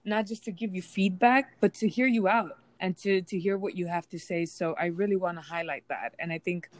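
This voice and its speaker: A woman's voice: lowish voice, brisk, no room sound. A woman in her thirties chatting earnestly, heartfelt and a little dramatic. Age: 30s. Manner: earnest, dramatic, restarts often. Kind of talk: casual chat.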